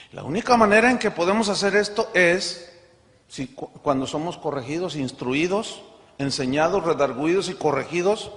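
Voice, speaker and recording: Emphatic preacher in a reverberant hall. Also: male voice, on the high side. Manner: emphatic, swings between loud scripture reading and soft asides. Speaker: pastor. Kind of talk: sermon.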